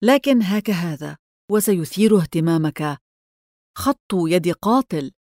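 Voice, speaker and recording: A woman's voice: fairly low pitch, expressive, a little slow, a little mellow, no room sound, clean studio sound. A woman reading the lines of a reserved middle-aged male lawyer in a storybook, in a grave, guarded manner.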